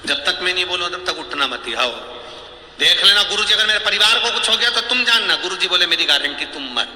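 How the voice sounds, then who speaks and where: Bright-voiced male preacher in an echoey hall. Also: sits high, fast talker. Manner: lively storytelling, acting out characters' voices; humorous, teasing asides. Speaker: religious storyteller preacher. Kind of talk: devotional sermon with storytelling. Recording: echoey hall with long reverb, faint ambience.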